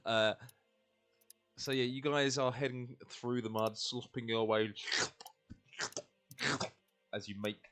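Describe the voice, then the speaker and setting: A man working as game master, improvising narration in a halting, casual way as he searches for words. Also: medium pitch, flat delivery, a bit bright.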